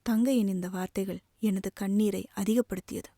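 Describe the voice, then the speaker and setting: Woman narrator, audiobook reading, dark mellow tone, dry close mic. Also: mid-range voice, steady tone, moderate pace, dry recording. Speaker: audiobook reader.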